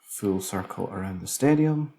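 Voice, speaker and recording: A man's voice: low-pitched, expressive, moderate pace, creaky, warm tone, a little hiss or hum. A man casually commentating a city-building game, musing aloud as he builds, tired late at night. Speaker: let's play commentator.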